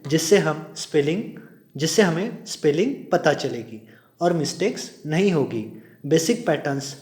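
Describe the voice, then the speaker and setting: A male polytechnic English lecturer with an Indian accent. He reads spelling rules out slowly in English and then explains them quickly in Hindi. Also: on the high side, a little mellow. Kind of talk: recorded classroom lecture.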